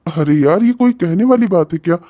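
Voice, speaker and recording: A man's voice: high-pitched, lively intonation, brisk, warm tone. A man voicing an easygoing young friend in a cartoon, casually talking sense into his buddy. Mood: coaxing. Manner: casual, coaxing, reasonable. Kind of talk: cartoon voice acting.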